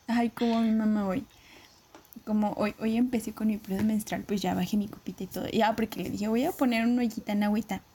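A woman's voice: medium pitch, steady tone, fast talker, mellow, slight background noise. A Mexican woman co-hosting a podcast, chatting casually and telling stories with slang. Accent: Mexican Spanish. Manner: slangy, storytelling. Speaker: podcast co-host. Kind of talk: casual chat.

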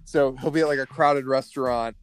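A man's voice: medium pitch, fairly even intonation, brisk, smooth, faint music behind. A young man co-hosting a podcast in casual chat, rambling and filling every sentence with "like". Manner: rambling, heavy use of "like", acts out party voices. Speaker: podcast co-host.

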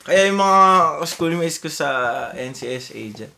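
A man's voice: a little high, lively intonation, a little slow, creaky, fairly bright tone. A young man from the Philippines, co-hosting a casual podcast chat, rambling through a childhood story with frequent laughs and calling his friends bro. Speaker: podcast co-host.

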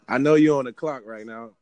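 A man, hosting a casual call in a relaxed, teasing, slangy way. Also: medium pitch. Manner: laid-back, teasing, slangy. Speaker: radio-style host. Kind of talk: casual phone call banter.

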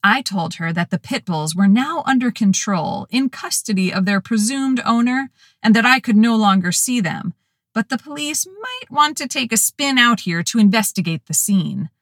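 A woman narrating her own story as a first-person audiobook, telling it in an expressive, lively way. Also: fairly high pitch, moderate pace, no echo, studio quality.

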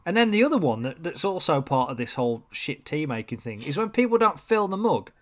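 A man's voice: fairly high pitch, sing-song, brisk. A young man in casual chat, ranting with lots of swearing and laughter. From Britain.

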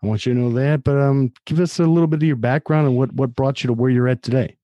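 A man's voice: mid-range voice, fast, mellow, no room sound, muffled recording. A man from Chicago hosting an interview, talking in a chatty, rambling way with friendly asides. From Chicago, United States. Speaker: podcast host. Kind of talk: casual interview chat.

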